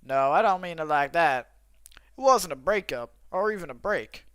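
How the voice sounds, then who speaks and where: A man's voice: a little high, lively intonation, normal speed, a bit bright, clean tone, no echo. A young man voicing a thoughtful male cafe customer from a game in a cowboy drawl, musing as he reads the lines aloud. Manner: reflective, musing. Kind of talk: reading game dialogue aloud.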